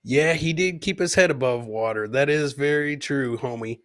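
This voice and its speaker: A man with a medium-pitched, slightly bright voice hosts a live comedy podcast at a moderate pace. He casually reacts to fail clips and repeats his own lines while chatting with viewers.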